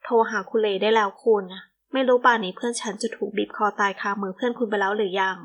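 A woman's voice: medium pitch, fairly even intonation, fast, fairly bright tone, dull audio, lightly acted. A woman reading an audio novel, voicing a clumsy, outspoken young woman producer with an indignant, sulky manner.

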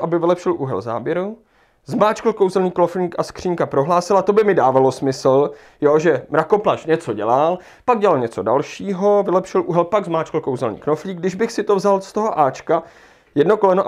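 A man leading a livestreamed lesson, thinking aloud as he rereads passages and works through an exam task. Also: sits high. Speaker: Czech language teacher.

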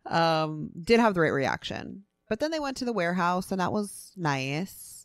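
A woman's voice: fairly low pitch, big pitch swings, moderate pace, no room sound, clean studio sound. A woman co-hosting a podcast in casual chat, chatty and easygoing, swearing casually. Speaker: podcast co-host.

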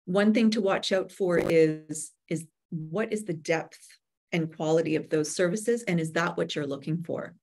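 A woman with a lower, darkish voice speaks at a measured pace as a guest expert and hybrid publisher, answering webinar interview questions about publishing. She is indoors in a room with bookshelves, at home or in an office, talking through a computer video call.

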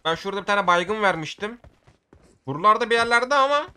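A man giving excitable gameplay commentary for his video, often shouting at the game and using casual slang. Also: high-pitched, brisk, smooth. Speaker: gaming video creator.

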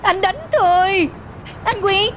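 A woman dubbing a clingy young woman who pleads in a shrill voice. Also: slow, fairly bright tone, slight background noise, full character voice. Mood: pleading.

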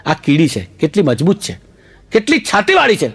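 Sex: man. Role: comedian. Style: stand-up joke telling. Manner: animated, laughs along with his own lines. Pitch: high for a man. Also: moderate pace, breathy edge. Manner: animated, laughs through his punchlines, mixes in English phrases.

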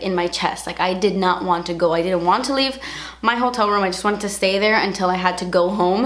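A young woman talks casually to her viewers in an emotional, rambling way, filling her sentences with "like". Her voice sits at a middling pitch. The room around her is roomy and echoey. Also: fairly bright tone. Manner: chatty and emotional, heavy use of "like". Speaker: beauty vlogger. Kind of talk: casual chat to camera. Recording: roomy echo.

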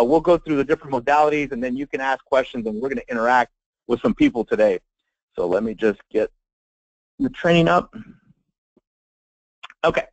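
An American man leading a live online sales training as a marketing trainer, with an emphatic, folksy pitch addressed straight to his listeners. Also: no echo. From Texas, United States. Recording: dull lo-fi web conference audio.

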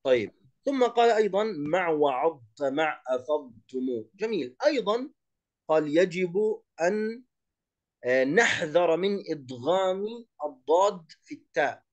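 A man teaching a recitation lesson, explaining a poem line by line and slowly demonstrating the sounds. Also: high voice, animated, dull audio. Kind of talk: tajwid lesson explaining verse.

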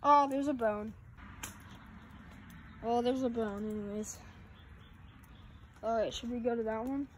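A woman's voice: a little high, fairly even intonation, a little slow, long pauses, slight background noise. Chatty woman filming outdoors on a phone. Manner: chatty, dips into hushed asides. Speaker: vlogger exploring an abandoned farm. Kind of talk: casual handheld exploration vlog. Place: outdoors in an overgrown rural yard and derelict buildings. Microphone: phone camera held by the speaker.

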